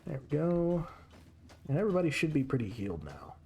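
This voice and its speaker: A man's voice: a little high, big pitch swings, fairly quick, dark tone. A man streaming a game with casual commentary, chatting to his characters as he plays.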